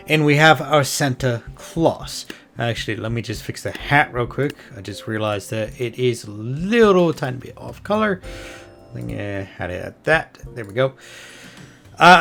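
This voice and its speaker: A man's voice: mid-range voice, fairly bright tone. A man hosting a gaming video with casual commentary, rambling and thinking aloud as he goes. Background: music behind the voice.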